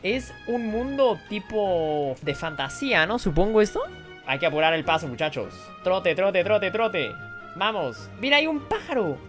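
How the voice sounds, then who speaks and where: A lively, swooping female voice, pitched a little low for a woman, narrating her gameplay with playful swearing. She jumps from muttered asides to sudden shrieks, and clear game music plays underneath. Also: measured pace. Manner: excitable, yelps and shrieks often; jokey, swears in Spanish and English. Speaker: streamer playing games. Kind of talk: gaming commentary.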